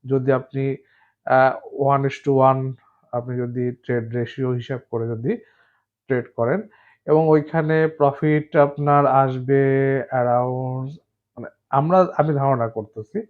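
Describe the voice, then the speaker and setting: A man's voice: medium pitch, fairly even intonation, slow pace, long pauses, phone-quality sound. Hesitant man explaining forex trading. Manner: hesitant, many filler sounds and restarts, mixes English terms. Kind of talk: casual explainer talk to camera.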